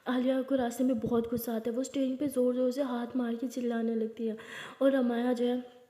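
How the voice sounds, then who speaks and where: A woman's voice: on the high side, little pitch movement, a little fast, mellow. A woman narrating a love story in a casual, conversational way. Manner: plain, conversational retelling. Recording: echoey room with long reverb.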